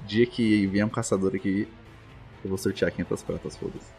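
Laid-back podcast co-host. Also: male voice, fairly low pitch, fairly even intonation, normal speed, darkish tone, soft background music. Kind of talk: casual podcast chat.

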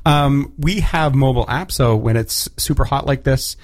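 A man hosting a radio show from a studio, talking in a loose, joking way with plenty of fillers. His voice is mid-pitched and sits close and dry with no room around it. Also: normal speed, no room sound. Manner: chatty, jokey, with fillers. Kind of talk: casual on-air chat.

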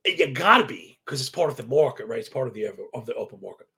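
On a live sports betting stream, a man with a medium-pitched, creaky, sharp-toned voice talks fast and animatedly. His casual commentary is stat-heavy and slangy, self-described as professorial, and he constantly tags points with "right?".

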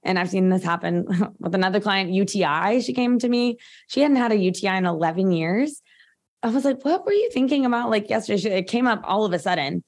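A woman's voice: medium pitch, animated, fairly quick. Chatty woman in her thirties. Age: 30s. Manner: chatty, frequent "like" fillers. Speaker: guest practitioner. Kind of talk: casual interview talk.

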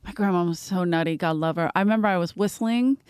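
A woman's voice: on the low side, fast talker, clean tone, dry recording. Chatty woman podcast host, dry sound. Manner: lively storyteller, laughs often, acts out quotes. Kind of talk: casual interview chat.

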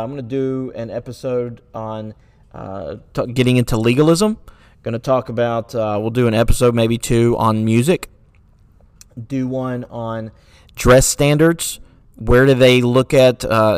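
A man hosts his own podcast in an earnest, searching way, firing off rhetorical questions and stumbling through fillers and restarts. His voice sits at an ordinary middle pitch. The sound is dry, with no room around it. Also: darkish tone, clean tone, no room sound. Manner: sarcastic at times. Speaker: podcast host. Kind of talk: solo podcast commentary.

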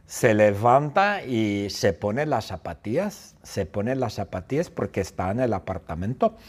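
A male teacher narrating a story slowly and playfully for language learners, repeating phrases and adding sound effects. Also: fairly low pitch, sing-song, husky. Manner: slow, repetitive, playful retelling with sound effects.

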